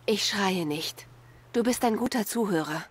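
Aloy, a calm young huntress. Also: female voice, mid-range voice, a little slow, husky. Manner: calm, steady, reassuring. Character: young female hunter, calm and persuasive. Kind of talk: video game dub.

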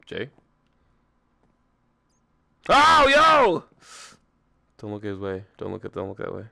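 Excitable young man gaming, gravelly voice. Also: lowish voice, takes it slowly, no echo, clean studio sound. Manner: excitable, profane, bursts into shouts. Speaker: streamer playing with friends. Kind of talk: casual gaming commentary.

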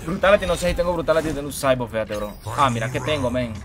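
A man's voice: medium pitch, expressive, fast, noisy background. A young man chatting casually as he streams a fighting game, greeting viewers by name and calling them bro. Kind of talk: casual live gaming commentary.

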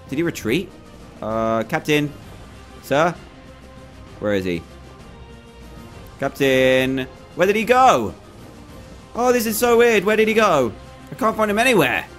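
A young man giving animated, excitable commentary while playing a video game. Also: fairly high pitch. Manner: excitable, animated, jumpy exclamations. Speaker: gaming video host.

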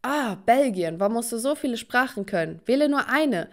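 A woman's voice: fairly high pitch, expressive, normal speed, darkish tone, close to an everyday voice. A woman voicing a smug, mocking teenage girl rival who taunts and sneers. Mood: taunting.

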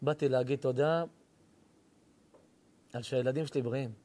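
A man in his forties, a rabbi preaching an emotional sermon, swinging from quiet confession to pleading cries. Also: medium pitch, fairly even intonation. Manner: impassioned, rising to pleading cries.

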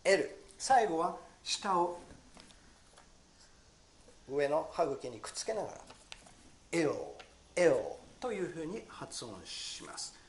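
A man who speaks natively, teaching pronunciation with a voice that swings up and down. He demonstrates each sound slowly and repeats it. The recording carries a roomy echo and a faint hiss. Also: on the high side, very animated. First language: Japanese. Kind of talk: short pronunciation lesson.

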